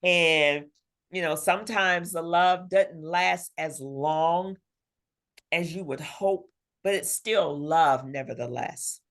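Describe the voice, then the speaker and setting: Her voice sits on the low side and is a bit bright, and she speaks slowly. As an author being interviewed, she spins her stories expressively, voicing imagined bits of conversation in a lively, conversational way.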